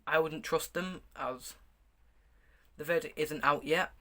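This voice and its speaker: A man's voice: fairly high pitch, steady tone, takes it slowly, bright, forceful tone. A man giving a casual, hands-on product review, speaking in a stop-start, hesitant way with repeated words. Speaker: gas mask reviewer. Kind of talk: casual product review, showing items to camera.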